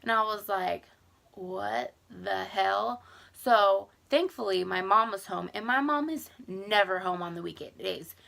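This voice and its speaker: A woman's voice: mid-range voice, normal speed, creaky, hardly any pauses, pushed and bright. A young woman chatting casually in a vlog, rambling with lots of "like". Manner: chatty, rambling, filler-heavy with many "like"s. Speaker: vlogger. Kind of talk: casual pregnancy update vlog.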